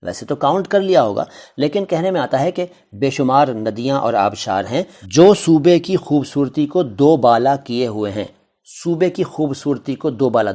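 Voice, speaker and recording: A man teaching a textbook chapter in a plain, mid-pitched voice. He reads a line, then unpacks it word by word, offering one synonym after another. He keeps it conversational, putting questions to the listener and answering them himself. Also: warm tone. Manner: conversational, asks and answers his own questions.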